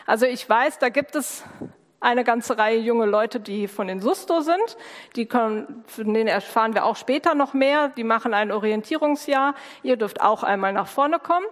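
A woman's voice: fairly high pitch, normal speed. Woman host coaxing children in a hall. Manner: warm coaxing, speaks to kids directly. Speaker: host of a school-start service. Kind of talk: lively hosting, addressing children. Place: large hall with a crowd. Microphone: handheld microphone. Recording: long hall reverb, crowd murmur.

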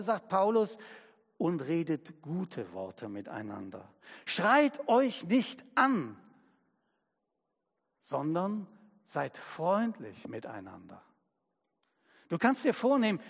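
A male pastor delivering a sermon in a slow, emphatic manner, his voice sitting a little high. He lingers over each phrase and drives his points home with everyday examples. The sound carries a long reverb, as in a large hall. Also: husky.

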